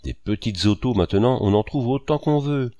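A man's voice: mid-range voice, expressive, normal speed, warm tone, no room sound, clean studio sound, lightly acted. Man reading as a boastful jovial painter. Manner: grandiose, voluble.

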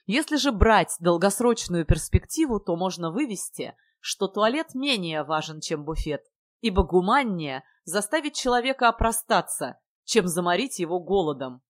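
A woman voicing a young woman who speaks in a flat, indifferent tone. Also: on the low side, moderate pace. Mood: detached. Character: cool detached young woman.

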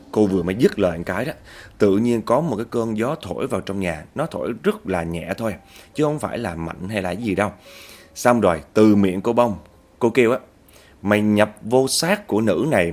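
Low-voiced man telling a horror story. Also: darkish tone. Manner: chatty, often addresses listeners.

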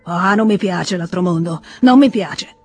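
A reader voicing a drunk, frightened, volatile grown man in an Italian audiobook reading, with excited pleading outbursts. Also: mid-range voice, a little slow, faint music behind, natural voice. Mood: agitated.

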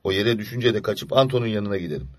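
A man reads as a small boy gripped by night terrors, his raised voice rushing and breathless with panic. The sound is close and dry, with no room around it. It is storybook narration, tense and urgent throughout. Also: fairly low pitch, lively intonation, no room sound. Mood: frightened. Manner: breathless, panicky inner monologue. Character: frightened young boy lying awake at night. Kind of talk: audiobook story reading.

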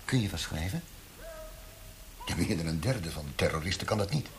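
In a radio drama, a male actor with a deep, expressive voice plays a mocking, menacing interrogator for a brutal regime, speaking a little fast against slight background noise. Sneering and theatrical, he shifts from quiet threats to rants.

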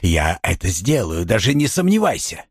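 A furious, commanding husband barks orders and insults, as a man reads him aloud. The voice leaps high and low with anger, recorded dry and close. It sounds like a storybook scene at its loudest. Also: very animated, normal speed, slightly rough, dry recording, full character voice. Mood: angry. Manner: shouting harsh orders and insults.

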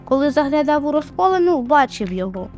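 A woman voicing a subdued, thoughtful boy who speaks in a hushed way. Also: high-pitched, sing-song, fast, faint music behind. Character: quiet, thoughtful boy, withdrawn brother.

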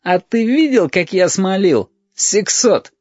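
A man's voice: fairly high pitch, very animated, moderate pace, slightly rough, dry recording, lo-fi sound, voice pushed up, heavily acted. A man doing a cheeky mocking boy. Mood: indignant.

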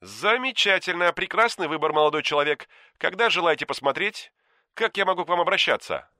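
A man's voice: fairly high pitch, animated, a little fast, sharp tone, no echo, studio quality, voice pushed up. A man voicing a realtor on the phone, who talks in a polite, rehearsed and evasive way. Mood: formal.

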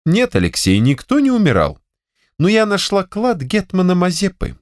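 A man reading a story, voicing a capricious, imperious elderly wife of a general, raised in pitch and full of reproachful exclamations. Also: huge pitch swings, moderate pace, no room sound, clean studio sound.

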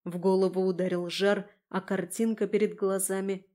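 A woman reading a first-person story aloud as an audiobook, acting out her heroine's lines with shouts and whispers. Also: mid-range voice, level tone, normal speed. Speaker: audiobook narrator.

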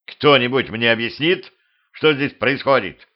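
A man's voice: medium pitch, unhurried, lo-fi sound, close to an everyday voice. A man voicing a grumbling, indignant older watchman.

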